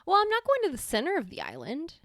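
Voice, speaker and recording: A woman's voice: sits high, huge pitch swings, fast talker, fairly bright tone, no echo, studio quality. A woman co-hosting a podcast, talking casually and off the cuff. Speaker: podcast co-host, travel blogger. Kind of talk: casual unscripted podcast chat.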